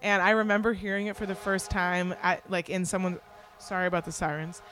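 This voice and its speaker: A woman's voice: fairly low pitch, level tone, brisk, a bit bright, slight background noise. A young woman in casual conversation, speaking in a candid, rambling, self-deprecating way. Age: young adult. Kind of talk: casual chat.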